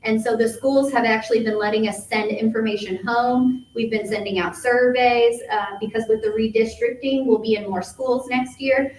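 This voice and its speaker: A woman reports cheerfully on camps and youth programs at a public board meeting, dotting her talk with fillers. Her fairly high voice comes from a distance in an echoey meeting room with faint background noise. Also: steady tone, moderate pace, few pauses, darkish tone. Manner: upbeat, filler-heavy report. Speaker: youth services staff presenter.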